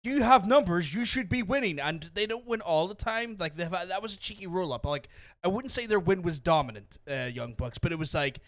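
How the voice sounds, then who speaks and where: Excitable Belfast-accented man. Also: a little high, brisk, no room sound, clean studio sound. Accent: Belfast Irish. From Northern Ireland. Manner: excitable, laughs often. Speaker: podcast co-host. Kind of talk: casual wrestling chat.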